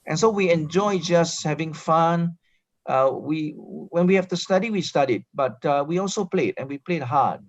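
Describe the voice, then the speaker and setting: A man's voice: fairly high pitch, lively intonation, normal speed, no echo. Hesitant man on a dull video call. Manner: hesitant, many ums and uhs, repeated words. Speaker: panel guest. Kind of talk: webinar panel reminiscence.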